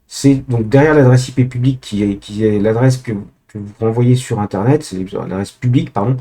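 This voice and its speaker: A man's voice: mid-range voice, moderate pace, warm tone. A man presenting a screen-share tech tutorial, speaking to viewers directly, hesitant with many filler sounds and restarts.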